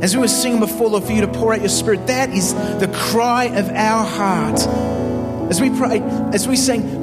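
A male worship leader prays aloud in a fervent, flowing way, his voice sitting high. Loud guitar music plays under every word. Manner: fervent, flowing extemporaneous prayer. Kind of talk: prayer over music.

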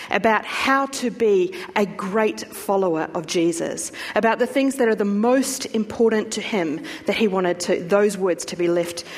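In a large church hall, a woman pastor with a New Zealand accent delivers a sermon in a mid-range voice. Her style is chatty, speaking straight to the congregation and offering warm asides.

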